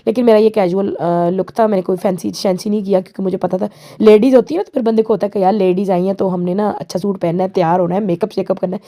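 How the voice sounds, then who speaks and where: Chatty mom doing a cooking vlog voiceover, warm mellow voice, rambles on. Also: female voice, mid-range voice, fairly even intonation, fast talker. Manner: chatty, rambling, sprinkles in English words. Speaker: home cooking vlogger and mother. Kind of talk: casual cooking vlog voice-over.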